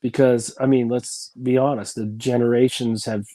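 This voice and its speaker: Man, 40s, football coach, casual chat, folksy and rambling, mid pitch, dry sound. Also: level tone, moderate pace, warm tone, no echo.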